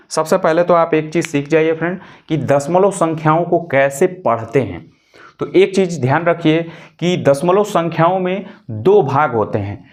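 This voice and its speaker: Male teacher, somewhat high voice, patient step-by-step lesson delivery. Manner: patient, repeats points, frequent "ठीक" check-ins. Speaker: maths teacher. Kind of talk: classroom lesson explaining decimals.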